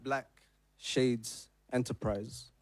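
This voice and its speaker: A man from London, a rapper, chatting casually with a relaxed, slangy manner. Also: mid-range voice, very slow. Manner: laid-back, slangy. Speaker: performing rapper. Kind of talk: casual chat after a performance. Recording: noisy line with clicks.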